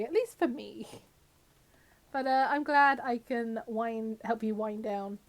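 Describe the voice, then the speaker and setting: Live-streaming a game, a woman chats casually with viewers and speaks to the characters on screen. She has a cold that leaves her voice slightly scratchy, and it sits on the high side.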